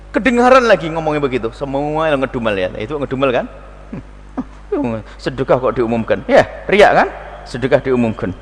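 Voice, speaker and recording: A man delivers a sermon in a fairly high voice that leaps up and down. He acts out the people he quotes and keeps throwing teasing questions at the crowd. His voice rings with a long hall reverb. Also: fairly bright tone. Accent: Indonesian. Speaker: preacher answering questions.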